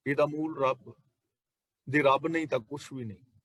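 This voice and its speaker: A man explaining scripture as a preacher, reciting verses slowly and deliberately, then explaining them. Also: medium pitch, steady tone, fairly bright tone, dry recording. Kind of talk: scripture exposition.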